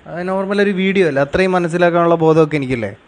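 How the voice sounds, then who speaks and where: A man's voice: a little high, fast. A young man doing a comedic one-sided phone call as a jealous, nagging boyfriend. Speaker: comedy sketch performer.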